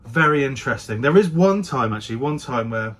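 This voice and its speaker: A man with an animated, fairly quick, fairly bright mid-range voice vlogs casually to camera. Chatty in style, he hedges what he claims and corrects himself as he goes.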